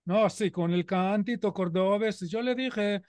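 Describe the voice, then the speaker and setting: A middle-aged man with an Israeli accent addresses a community audience. His voice sits notably high, and his delivery is earnest and emphatic, peppered with rhetorical questions. The recording is close and dry, with almost no room sound. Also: measured pace, a little mellow, clean tone, no echo. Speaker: guest speaker. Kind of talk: informal talk to a community audience.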